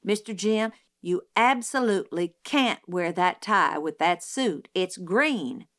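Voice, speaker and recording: A woman's voice: on the low side, lively intonation, takes it slowly, a bit bright. A woman voicing a stern scolding housekeeper. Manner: firm, scolding. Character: stern, fussy middle-aged housekeeper woman.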